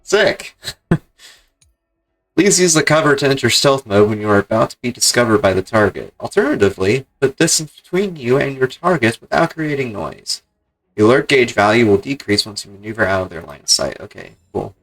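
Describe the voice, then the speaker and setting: Guy game streamer, regular pitch, chats casually and reads the game text out loud. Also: lively intonation, normal speed, soft background music, rough recording. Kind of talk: casual gameplay commentary and reading game text aloud.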